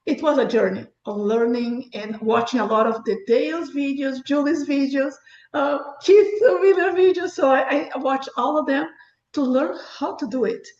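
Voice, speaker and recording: A middle-aged Brazilian woman, a native Portuguese speaker with a Brazilian accent, is a guest author in a casual interview, chatting enthusiastically with frequent restarts and laughter. Her voice sits high and a little mellow at a normal speed. The recording is echoey, dull, and lo-fi.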